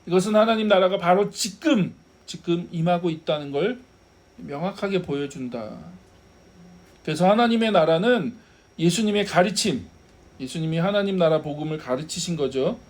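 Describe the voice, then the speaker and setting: A pastor preaching to his congregation in a fairly high voice. He keeps asking rhetorical questions and answers them himself. His delivery stays conversational, with a light laugh here and there. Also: lively intonation, normal speed. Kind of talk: sermon.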